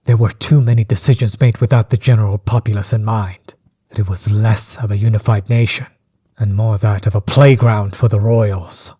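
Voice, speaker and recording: In this audio drama monologue, an actor voices a villainous overlord, smug and bitter, who holds a grudge against a former companion. Close, dry, and free of room sound, his low, dark voice is husky and breathy, frequently dropping to a near whisper, with fairly even intonation. The delivery is defiant, mocking, and condescending, drawn out theatrically.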